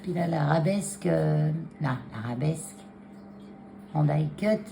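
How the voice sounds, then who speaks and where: A craft vlogger with a deep, mellow, gravelly voice speaks a little slowly as she shows handmade cards to her phone camera on a taped stand at her desk. She's hesitant, with lots of fillers and restarts, clears a frog in her throat, and slight background noise is present.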